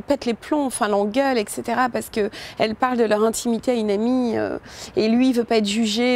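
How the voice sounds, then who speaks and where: A woman with a high voice discusses her work as a film director in an interview. She speaks informally and thoughtfully, pausing often and restarting her sentences. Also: darkish tone. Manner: thoughtful, many hesitations and restarts; informal, addresses listener with "tu vois".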